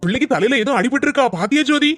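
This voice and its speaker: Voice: sits high, lively intonation, racing, a bit bright, dry recording, studio quality. A performer voicing a doting father in a cartoon, with a Tirunelveli-Kanyakumari Tamil accent, coaxing his little daughter and stern with his son.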